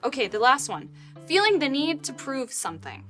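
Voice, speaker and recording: A woman co-hosting a casual conversation, thoughtful and animated, often acting out what other people say. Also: high voice, moderate pace, faint music behind. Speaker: co-host. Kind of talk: casual chat.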